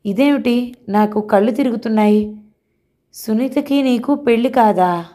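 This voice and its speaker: A woman voicing an overwhelmed young bride, speaking higher and slower than her narration. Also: dark tone, natural voice.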